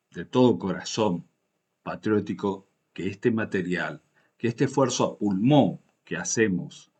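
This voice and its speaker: An Argentine man hosting a political video, giving patriotic commentary to viewers in solemn, emphatic oratory with short deliberate phrases. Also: on the low side. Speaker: political interview video host.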